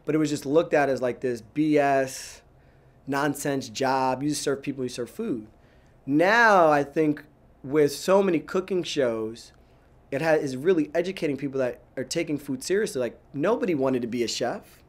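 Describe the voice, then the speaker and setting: A man in his thirties from New York, a chef answering interview questions in a casual, animated way, with frequent "like"s and restarts. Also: a little high. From New York, USA. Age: 30s. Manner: animated, talks fast with many "like"s and restarts.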